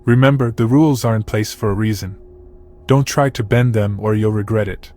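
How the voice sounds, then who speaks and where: A man doing a gravelly old boss. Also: a little mellow, lightly acted. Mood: warning. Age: older. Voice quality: deep and gravelly. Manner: slow, deliberate, ominous. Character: stern old male facility boss.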